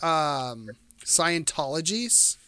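A speaker chatting casually as a podcast co-host, excitable and quick to swear. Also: medium pitch, clear, resonant tone. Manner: excitable, laughs often, swears freely. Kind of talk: casual chat.

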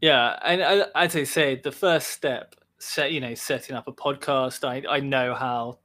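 A man's voice: medium pitch, fairly even intonation, unhurried, bright, forceful tone. A man talking as a guest on a podcast over a call, reflective and rambling, saying "sort of" often. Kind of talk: casual podcast interview. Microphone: remote call.

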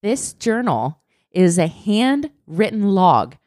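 A woman's voice: mid-range voice, slow pace, no room sound, clean studio sound. A woman co-hosting a casual podcast, telling a true crime story with lots of "like" and the odd swear word. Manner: animated, swearing, fillers like "like".

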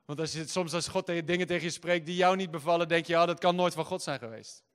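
A man preaching a sermon, moving from quiet storytelling to loud, shouted proclamation. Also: fairly high pitch, fast talker, smooth. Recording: long hall reverb.

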